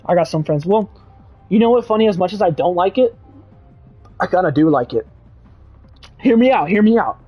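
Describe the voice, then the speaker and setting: A young man streaming casually, reading chat and rambling excitably with lots of "dude" and "bro". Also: high-pitched, normal speed, long pauses, slightly rough, lo-fi sound, faint music behind.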